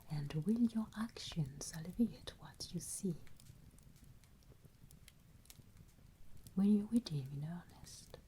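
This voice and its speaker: A woman playing a solemn, compassionate ghost in a whispered ASMR storybook roleplay, grave and deliberate. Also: lowish voice, dark tone, slight background noise, close to an everyday voice, low-quality recording. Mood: grave, admonishing. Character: solemn, compassionate female Ghost of Christmas Present.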